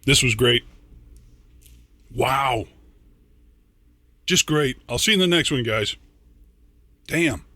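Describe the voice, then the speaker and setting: An older man hosting a reaction video, talking casually in a rambling, halting way with some swearing, a little tipsy and slurring. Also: medium pitch, sharp tone, a little hiss or hum.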